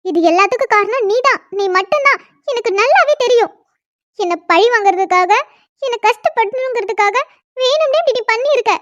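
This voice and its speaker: Woman doing a squeaky angry cartoon girl, scolding and shrill, very dry sound. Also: animated, a little fast, dry recording, highs cut off. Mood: indignant. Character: young woman, furious, newly forced into marriage. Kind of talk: cartoon dialogue.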